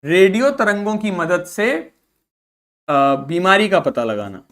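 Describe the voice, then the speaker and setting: A man's voice: sits high, animated, takes it slowly, a bit bright. Role: teacher. Sex: man. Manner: drills pronunciation. Style: vocabulary lesson. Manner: drills pronunciation, breaks words into parts, asks class to repeat; explains in Hindi mixed with English terms. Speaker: school teacher.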